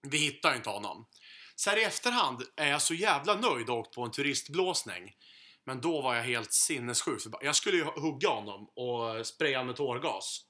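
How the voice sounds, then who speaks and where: A man from Sweden in his thirties, a podcast co-host telling a profane, animated anecdote in casual chat. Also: mid-range voice.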